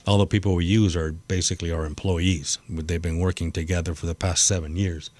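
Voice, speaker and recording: Deep-voiced middle-aged man, relaxed. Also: brisk. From Texas. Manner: relaxed, laughs easily, frequent fillers. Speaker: general contractor guest. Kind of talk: casual interview talk.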